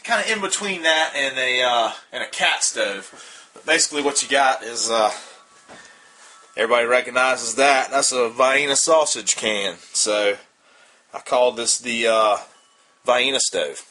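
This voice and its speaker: A man with a Southern US accent giving a casual how-to demonstration of a homemade stove, relaxed and rambling, with lots of uh and um fillers. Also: medium pitch, unhurried. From Southern United States. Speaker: outdoor gear hobbyist demonstrating a stove.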